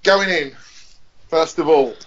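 A playful man co-hosts a casual podcast and teases his partner as he leads a segment. His voice sits fairly high. The sound is muffled and lo-fi. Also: takes it slowly, a bit bright. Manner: playful, teasing. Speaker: podcast co-host. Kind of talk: casual chat. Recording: dull lo-fi podcast audio.

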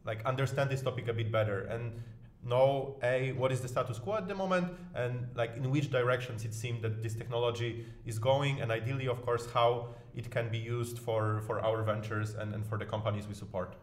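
A man's voice: mid-range voice, a little fast. A man from Poland, a podcast guest who talks casually and often repeats a word as he starts a phrase. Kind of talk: casual interview talk.

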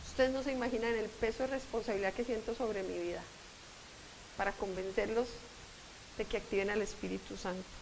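A woman's voice: medium pitch, steady tone, a little fast, gravelly, a little hiss or hum, rough recording. A woman preaching a sermon at a conference, emphatic and conversational, speaking straight to her listeners. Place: conference hall.

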